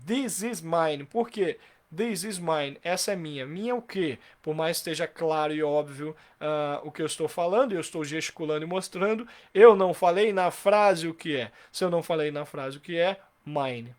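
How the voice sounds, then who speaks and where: A man teaches English grammar in a live online class, his voice sitting a little high. He explains patiently, asks himself rhetorical questions and repeats example sentences slowly.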